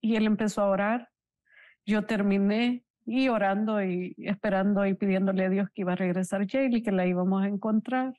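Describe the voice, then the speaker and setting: A woman giving an emotional, halting personal testimony in an interview, earnest and religious. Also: medium pitch, fairly even intonation, no room sound, narrow, tinny audio. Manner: emotional, slow, halting storytelling. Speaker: interview guest, bereaved mother.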